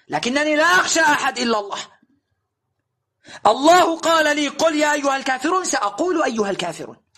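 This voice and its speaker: High, bright-voiced insistent male preacher. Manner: insistent, rhetorical questioning, emphatic recitation. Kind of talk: recorded religious lesson.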